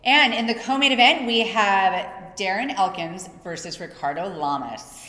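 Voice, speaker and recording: A woman's voice: medium pitch, unhurried, noisy background. A young adult woman co-hosting a casual chat with dry, teasing banter. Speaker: podcast co-host. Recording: echoey room with long reverb.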